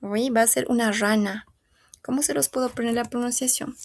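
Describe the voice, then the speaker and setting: A woman's voice: fairly high pitch, fairly even intonation, moderate pace. A woman teaching a French lesson, patiently repeating and modelling each word. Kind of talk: language lesson.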